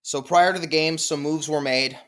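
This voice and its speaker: A man hosting a solo postgame baseball show, talking animatedly with big swings in pitch and loudness and small self-deprecating laughs. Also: steady tone, normal speed. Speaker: sports podcast host.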